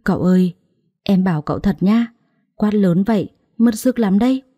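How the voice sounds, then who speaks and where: A woman's voice: medium pitch, moderate pace, dark tone, dry recording, close to an everyday voice. A woman voicing a naive, blunt young village bride in a storybook reading.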